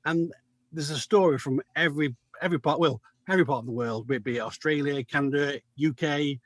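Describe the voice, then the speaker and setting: A man's voice: a little high, a little fast, no room sound. A man from the United Kingdom, a magazine editor, chatting casually on a video call with many restarts and fillers. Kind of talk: casual chat.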